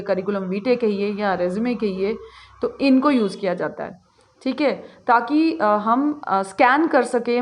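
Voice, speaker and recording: Indian woman lecturing, frequent fillers. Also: medium pitch. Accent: Indian English. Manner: mixes Hindi and English, many filler sounds. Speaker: teacher. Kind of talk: classroom lecture on a slide presentation.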